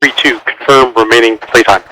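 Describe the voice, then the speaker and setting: Over air-band radio, a man acts as a military mission controller, giving short, clipped, procedural instructions at an average pitch. His intonation stays fairly even and his pace is slightly quick. Static and clicks make the transmission clearly noisy.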